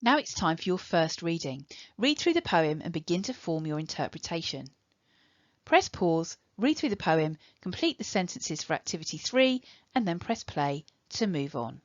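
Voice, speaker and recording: A woman with an English accent teaching a recorded online lesson, giving clear step-by-step instructions. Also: fairly low pitch, big pitch swings, moderate pace, no echo, dull audio.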